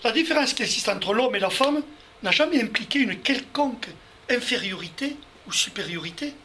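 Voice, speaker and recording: A man's voice: very high voice, lively intonation, normal speed, sharp tone, a little hiss or hum. A man leading a Bible study, explaining verses step by step and speaking directly to his listeners. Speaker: Bible teacher. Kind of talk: Bible study teaching to a group.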